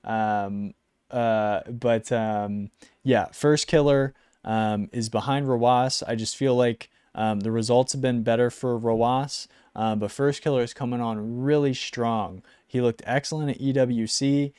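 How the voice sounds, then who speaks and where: A young man casually ranking esports players in a relaxed, rambling way, with lots of ums and likes. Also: mid-range voice, a little slow, smooth, no echo, studio quality. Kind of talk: casual talking-head video.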